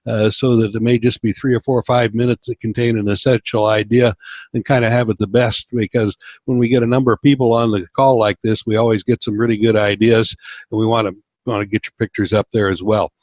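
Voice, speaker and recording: A man's voice: mid-range voice, level tone, fairly quick, darkish tone, no echo. A man hosting a casual online business meeting, upbeat and encouraging, speaking over a call. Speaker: webinar host. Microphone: video call. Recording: dull lo-fi call audio.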